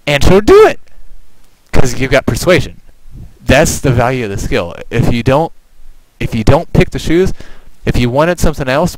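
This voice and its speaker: A man's voice: medium pitch, rough recording. A man, a game developer, giving playful, sarcastic commentary while demonstrating his game. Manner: playful, animated, sarcastic asides. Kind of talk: gameplay walkthrough commentary.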